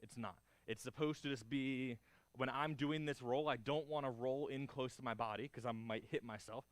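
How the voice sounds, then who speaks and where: Male martial arts instructor, mid-pitched voice, dry close sound. Clipped counts and cues, encouraging corrections, hands-on class delivery. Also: moderate pace, dry recording. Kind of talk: hands-on karate class instruction, demonstrating moves aloud.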